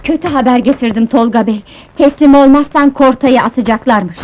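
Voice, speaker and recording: Earnest young warrior heroine, female actor, high dramatic voice, dull old historical film dub. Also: a little fast, a little mellow, a little hiss or hum, natural voice. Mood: regretful. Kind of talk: dubbed historical film acting.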